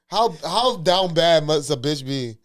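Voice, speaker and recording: A man's voice: a little high, lively intonation, measured pace. A man co-hosting a podcast in loose, blunt, profane banter with friends.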